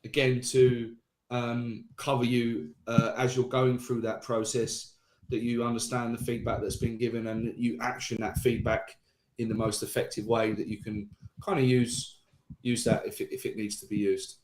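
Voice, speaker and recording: A man who is a guest designer, a bit tipsy and lively, explaining his process steadily in a casual panel chat. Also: medium pitch, moderate pace. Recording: roomy echoey sound.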